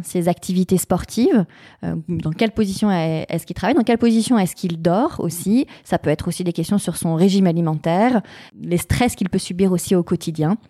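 A woman's voice: on the low side, dark tone, no echo, studio quality. A woman chiropractor answering interview questions, explaining step by step and listing things methodically. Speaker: chiropractor guest.

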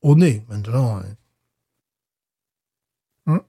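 A man's voice: medium pitch, expressive, slow pace, dark tone, slightly rough. A man co-hosting a casual beer-tasting podcast chat, talking hesitantly with frequent restarts and fillers. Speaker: podcast co-host.

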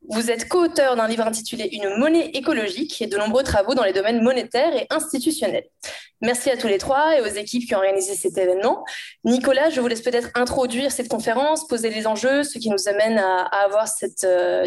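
A woman's voice: fairly high pitch, animated, brisk, darkish tone. A woman moderating a conference, formally introducing the event and its speakers.

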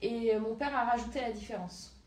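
A woman's voice: a little high, brisk, a little mellow, a little hiss or hum. A woman in her thirties from southern France, a guest chatting casually about her career, with lots of hesitant fillers. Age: 30s. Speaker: guest, entrepreneur. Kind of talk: casual interview chat. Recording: roomy, distant mic, faint ambience.

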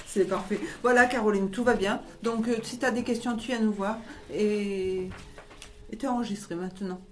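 A woman from northern France, a shelter volunteer who explains things in a friendly, relaxed way with many fillers. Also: medium pitch, normal speed. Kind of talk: casual chat. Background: loud crowd chatter.

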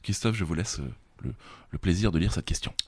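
A man's voice: deep voice, fairly quick, darkish tone, husky, no room sound. A man co-hosting a quiz podcast, laughing often and talking with enthusiasm about films. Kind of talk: casual joking chat.

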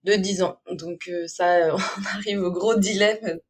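A woman guest on a conversational podcast, thinking aloud as she talks. She is from Syria, weighs her words and fills her pauses with hesitations. Her pitch sits in a middle range. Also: steady tone, breathy edge. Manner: reflective, with frequent hesitations and fillers. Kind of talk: conversational interview.

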